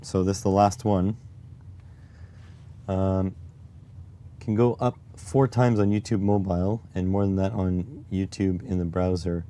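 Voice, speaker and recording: A man with a raspy voice live-streaming while testing circuit boards, muttering to himself as he works and reading chat aloud. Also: sits low, level tone, a little slow, pauses often, warm tone. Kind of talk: casual live-stream electronics tinkering.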